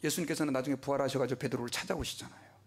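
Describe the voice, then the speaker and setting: A man's voice: mid-range voice, fairly even intonation, rapid-fire, breathy edge. A male pastor preaching a sermon with passion, asking the congregation questions and dropping to a whisper at times. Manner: impassioned, asks the congregation questions, drops to a whisper.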